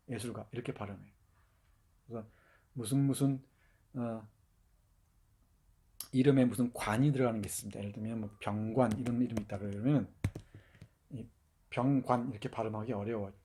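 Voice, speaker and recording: Lecturing man with a dark, husky voice. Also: medium pitch. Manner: explanatory, demonstrates dialect pronunciations aloud, with fillers and restarts. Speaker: university lecturer. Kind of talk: recorded literature lecture.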